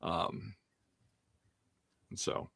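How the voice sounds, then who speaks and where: A man's voice: drawn-out words, bright, forceful tone, no room sound. A man hosting a casual online Bible study discussion over a video call, rambling with many fillers. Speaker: host running the online study.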